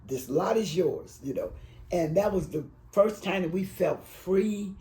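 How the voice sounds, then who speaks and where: A woman in her eighties from Alabama, raised in Detroit, telling her life story in an oral history interview, rambling and halting with emotion. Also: on the low side, mellow, rough recording. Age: 80s.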